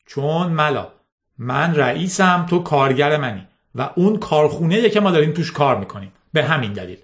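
A man's voice: a little high, lively intonation, pitched above the performer's own voice, close to an everyday voice. A man reading an audiobook, voicing a middle-aged boss who sounds fatherly but controlling. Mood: condescending. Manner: smooth, condescending, controlling. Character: middle-aged male boss, falsely paternal, hard.

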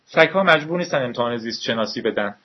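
A man voicing a lively, eager teenage girl, raising his husky voice higher for her. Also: natural voice. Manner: raised pitch, bright and eager. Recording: dull lo-fi recording.

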